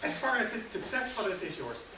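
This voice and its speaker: A speaker at a conference, talking in a deliberate, measured way. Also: medium pitch, very animated. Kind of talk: conference talk. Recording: very echoey hall, far from mic, noisy.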